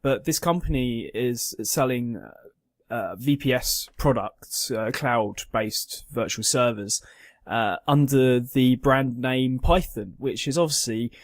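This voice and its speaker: A man's voice: mid-range voice, slow, dry recording, studio quality. A man co-hosting a podcast, chatting easily and laughing often. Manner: laughs often, easygoing banter. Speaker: podcast co-host. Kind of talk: casual chat.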